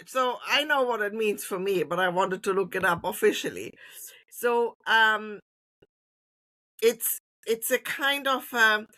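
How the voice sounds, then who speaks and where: A woman's voice: medium pitch, bright, forceful tone. A woman on a podcast explaining a word's meaning and reading out its definition. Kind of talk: casual podcast discussion.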